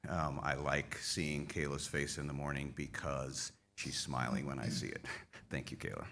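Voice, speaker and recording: A man with an extremely low, deep voice speaks from a conference stage microphone. He thanks his team in a heartfelt, folksy way, wry and openly emotional. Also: fairly even intonation, moderate pace, gravelly, background noise. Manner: folksy, self-deprecating humor. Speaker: association leader addressing members. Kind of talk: conference speech thanking staff.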